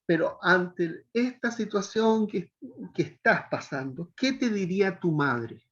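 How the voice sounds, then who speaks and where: High-voiced man gently counseling a student. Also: animated, takes it slowly, highs cut off. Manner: gentle, coaxing, checks in with "¿ya?". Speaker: biblical counseling teacher. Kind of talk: pastoral counseling class.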